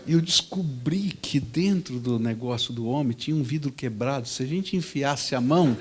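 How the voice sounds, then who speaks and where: A man preaching in a church, telling a story vividly and swinging between loud and soft. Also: mid-range voice, normal speed. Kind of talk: storytelling sermon.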